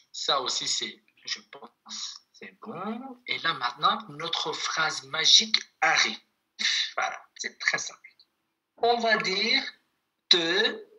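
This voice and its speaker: A language teacher giving an online lesson over a video call, patiently repeating words slowly for students. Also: mid-range voice, bright, forceful tone, poor audio.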